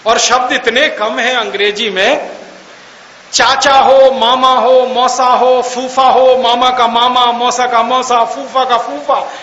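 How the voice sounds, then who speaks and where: High-pitched man lecturing in an echoey hall. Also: fairly even intonation, slow pace, pushed and bright, dull audio. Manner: mocking, argumentative, rhetorical questions; spells out words letter by letter for emphasis. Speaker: public speaker. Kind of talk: lecture to an audience. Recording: echoey hall, faint hiss.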